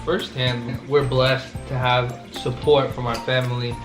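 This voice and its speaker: A man in his twenties talking casually while eating, relaxed and leaning on "you know". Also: medium pitch, measured pace. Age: 20s. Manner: easygoing, repeats "you know". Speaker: co-host, father. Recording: echoey room with music playing.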